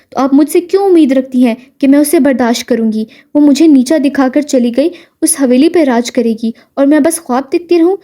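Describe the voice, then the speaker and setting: A bitter, jealous young woman spits out threats of ruin, as a woman narrator reads her. The voice sits high yet warm and soft-edged, and she rants on without letting up. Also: natural voice. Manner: furious ranting threats.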